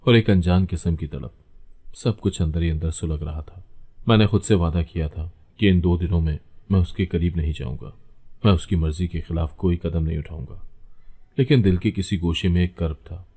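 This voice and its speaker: A man narrating a dramatic first-person story in a brooding, heavy and measured way. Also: low-pitched, dark tone, husky.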